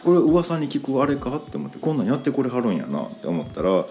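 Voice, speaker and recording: A man with a Kansai accent telling a story in a casual, animated podcast monologue, acting out the quoted lines. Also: medium pitch, fast talker, faint music behind. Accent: Kansai Japanese. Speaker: podcast host.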